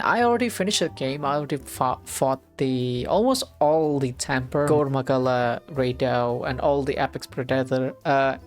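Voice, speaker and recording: Casual gaming vlogger thinking aloud. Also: mid-range voice. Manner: thinking aloud, self-correcting, unsure of word pronunciation. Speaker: gaming YouTuber. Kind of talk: casual commentary reading an article aloud.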